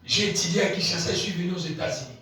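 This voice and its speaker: Man preaching loud, high bright voice, big shouts then quiet asides, lots of echo from far off. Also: fairly even intonation, racing, creaky. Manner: swings between shouted peaks and low murmured asides; repeats and stretches key phrases. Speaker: pastor. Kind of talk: sermon. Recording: very echoey hall, voice picked up from a distance.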